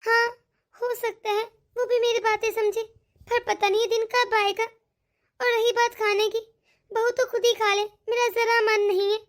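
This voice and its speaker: A woman voicing a worried aging mother in a cartoon, gentle and coaxing. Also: very high-pitched, little pitch movement, unhurried. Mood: fretful. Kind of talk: cartoon dialogue.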